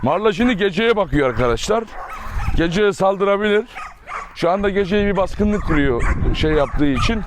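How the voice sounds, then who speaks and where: A man's voice: high voice, expressive, normal speed. A man running a dog farm, chatting casually to his viewers and fondly calling to his dogs outdoors. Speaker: dog farm owner vlogger. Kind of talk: casual vlog talk to viewers. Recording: noisy outdoor recording with barking dogs. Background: dogs barking.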